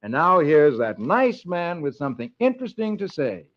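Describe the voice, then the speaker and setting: A man's voice: on the high side, sing-song, moderate pace. A man playing a jolly, kindly reader of funnies, cheerily addressing children in 1950s radio style. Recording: dull vintage 1950 radio recording. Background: music.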